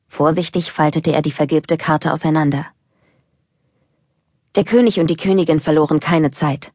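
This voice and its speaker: Low calm woman reading a kids story, steady storytelling, super dry close mic. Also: dry recording. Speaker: audiobook narrator. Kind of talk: scripted narration for children.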